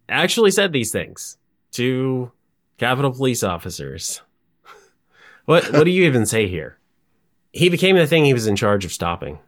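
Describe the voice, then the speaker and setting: A man co-hosting a political podcast, talking in an animated, incredulous way. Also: lowish voice. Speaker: podcast co-host.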